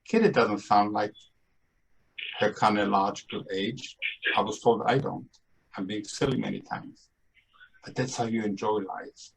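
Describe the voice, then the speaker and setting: Gravelly and fairly low, this podcast host in his seventies speaks unhurriedly and pauses often, his Brooklyn accent coming through a slightly rough, low-quality recording. He has roots in Austria and Brooklyn, New York. His casual monologue stays playful, emphatic and upbeat.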